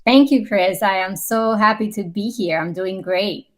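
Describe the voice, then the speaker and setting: A woman's voice: mid-range voice, a little slow. A woman in her forties from the Dominican Republic, raised in New York, sharing her story as a podcast guest in an earnest, upbeat way. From Dominican Republic, raised in New York City. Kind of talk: conversational interview.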